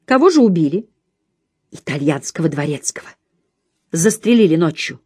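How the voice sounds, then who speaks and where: A woman's voice: deep voice, sing-song, normal speed, warm tone, husky, no room sound, clean studio sound, heavily acted. A woman voicing a fussy, chattering elderly female companion who coos and talks down to her charge, in an audiobook reading. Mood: gossiping. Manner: cooing, patronizing, clucking.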